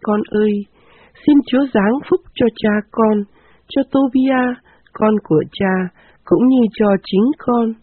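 A woman reading the part of an overjoyed old father in a scripture reading, earnest and measured. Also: on the high side, no room sound, voice pushed up. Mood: blessing. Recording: dry, tinny phone-like sound.

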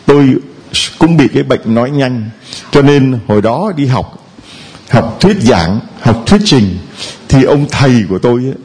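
Animated preaching man, lively pitch. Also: moderate pace, breathy edge. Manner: lively, animated preaching with sung snatches and mimicked voices. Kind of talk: sermon at a retreat.

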